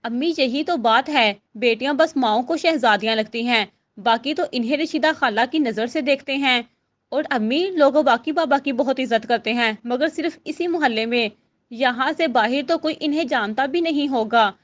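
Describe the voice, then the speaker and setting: A woman's voice: high voice, normal speed, close to an everyday voice. A woman voicing a witty, teasing young daughter in a storybook reading. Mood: bitter, resigned. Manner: playful, wry.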